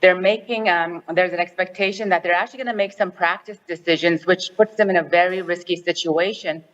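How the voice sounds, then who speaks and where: A woman with a lowish voice chairs a directors forum, earnestly explaining a resolution to an assembly by phone in formal remarks with frequent restarts. The lo-fi audio has a long reverb tail.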